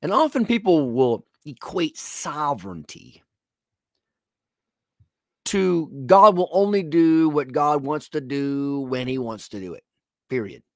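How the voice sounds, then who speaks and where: A man's voice: on the high side, lively intonation, slow pace, dry recording, clean studio sound. A man preaching a televised sermon, speaking straight to the viewer in an earnest, pleading way.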